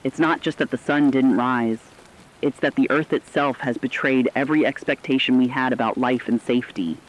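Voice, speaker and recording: A man acts the part of an alarmed, earnest radio reporter, a news correspondent delivering scripted news in a serious, articulate, emphatic way. The delivery is lightly acted, with a mid-range voice, steady tone and moderate pace, and the sound is dull lo-fi radio.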